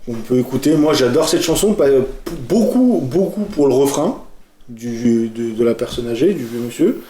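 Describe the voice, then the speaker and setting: A man co-hosting a casual music podcast, talking about a song he loves with frequent hesitations and clear enthusiasm. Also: mid-range voice, animated, normal speed, a crowd in the background. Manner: hesitant, many fillers, enthusiastic. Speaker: podcast co-host presenting a song. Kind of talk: casual chat. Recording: echoey room.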